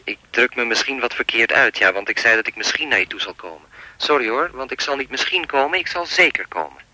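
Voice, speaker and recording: In a radio drama, a menacing anonymous caller speaks in a sharp, forward, medium-pitched voice recorded very dry with no echo, his intonation animated and his pace brisk. He rambles with insinuating false politeness, chatty and lewd, taunting in a controlled way.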